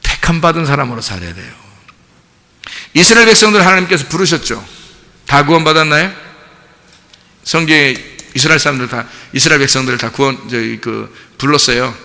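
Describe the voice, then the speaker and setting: Gravelly preaching man in a church hall. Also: a little high, brisk, pauses often. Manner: animated preaching with rhetorical questions to the congregation. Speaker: pastor. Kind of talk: sermon. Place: church sanctuary.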